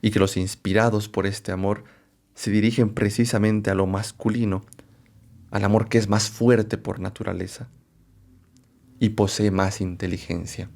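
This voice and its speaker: Man, deep low voice, gravelly, lecturing on philosophy, rhetorical questions, self-correcting. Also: darkish tone. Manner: unhurried, often checks in with rhetorical tag questions; self-correcting, thinks aloud. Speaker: philosophy presenter. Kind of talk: explanatory lecture to camera.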